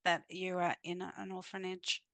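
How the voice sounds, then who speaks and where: A woman in Sydney hosts a casual podcast interview over a remote call, speaking at normal speed in a lowish voice with little pitch movement while crowd noise sounds in the background. She comes across as warm but hesitant, asking questions with lots of fillers.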